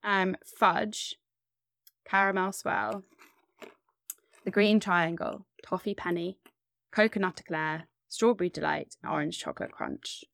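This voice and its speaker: Brief: upbeat woman co-host, quick to laugh, dry close recording. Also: lowish voice, steady tone, creaky, fairly bright tone, dry recording. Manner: upbeat, leads the game, laughs often. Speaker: podcast co-host. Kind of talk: casual chat.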